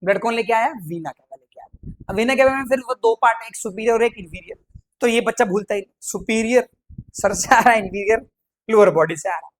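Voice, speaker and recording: Speaking briskly in a voice that sits high, a man runs an exam-prep science lesson. His chatty, playful style has him firing off questions and answering them himself, sprinkling in English terms.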